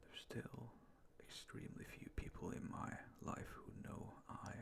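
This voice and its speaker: A man whispering hesitantly and softly in a casual, rambling ASMR style, with a breathy, creaky voice close to the microphone. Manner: slow, hesitant, mindful, self-effacing. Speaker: ASMR video maker. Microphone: close ASMR microphone with fluffy cover.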